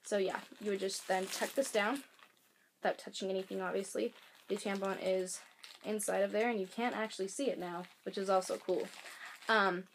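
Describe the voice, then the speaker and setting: A young woman beauty and advice vlogger rambles through a casual product demonstration, full of fillers and self-corrections. Her voice is mid-range with a steady tone at a moderate pace, recorded on a camera mic with faint air conditioner hiss.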